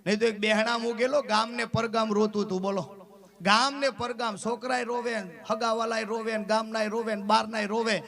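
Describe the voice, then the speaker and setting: A man's voice: a little fast, creaky. A man, telling comic folk stories on stage and acting out the characters. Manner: animated, acts out characters with pitch jumps. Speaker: folk comedian and storyteller. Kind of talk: Gujarati dayro comic storytelling. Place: temple stage event.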